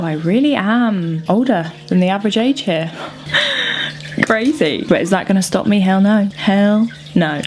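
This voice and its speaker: Chatty woman doing her makeup. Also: medium pitch. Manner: chatty, playful, laughs often. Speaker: beauty vlogger. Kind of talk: casual get-ready-with-me makeup chat.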